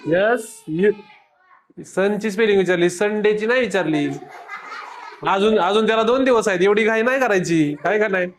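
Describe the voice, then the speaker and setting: A man leads a classroom lesson, speaking to children in front of him. He keeps the class going with quick repeated questions and playful teasing, in a casual teaching style. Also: sits high, noisy background.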